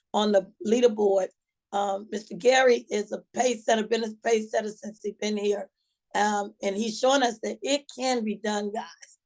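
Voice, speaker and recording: A woman's voice: mid-range voice, a little mellow. A woman from Georgia with a Southern US accent speaks in a folksy, encouraging, colloquial way, leading a motivational sales team call. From Georgia, USA. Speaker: sales team leader hosting a morning call.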